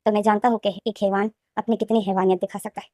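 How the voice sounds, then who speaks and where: A woman's voice: mid-range voice, little pitch movement, quick pace, warm tone, no room sound, clean studio sound, close to an everyday voice. A woman voicing an angry, bitter young male captive who answers in a snapping way.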